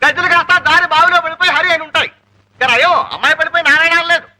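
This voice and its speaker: Pompous elder, very high bright voice, wry lecturing. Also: male voice, fairly even intonation, rapid-fire, full character voice, rough recording. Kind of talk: film comedy acting.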